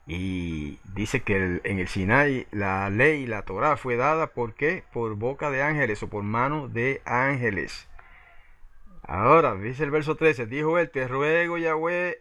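A man's voice: mid-range voice, fairly bright tone. A man teaching a Bible study, reading verses aloud and explaining them, often checking with listeners.

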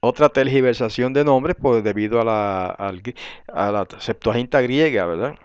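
A man's voice: medium pitch, normal speed, no echo, dull audio. A man leading a Bible study class in a conversational way, reading verses aloud and often checking with his listeners. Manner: conversational, tag questions, frequent throat clearing. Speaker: Bible teacher.

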